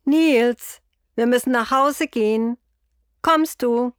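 A woman voicing a loving, patient old grandfather in a storybook, speaking in a gentle, reassuring way. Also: mid-range voice, animated, measured pace, dry recording, studio quality. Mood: calling. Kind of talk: storybook character voice.

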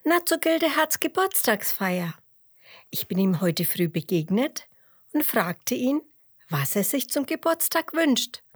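A woman voicing an eager, naive young female sheep in a children's story, with a high, earnest voice. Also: big pitch swings, unhurried, breathy edge, no echo, studio quality, full character voice.

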